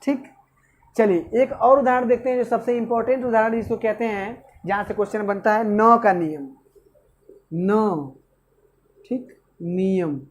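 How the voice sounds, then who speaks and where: A male teacher giving an exam-prep grammar lesson, asking questions and answering them himself. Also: extremely high pitch. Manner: asks and answers own questions, repeats "okay".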